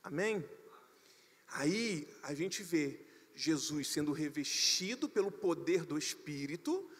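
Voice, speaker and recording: A Brazilian man preaching a sermon as pastor at a church service, animated with sudden loud emphasis. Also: a little high, slow pace. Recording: long church reverb.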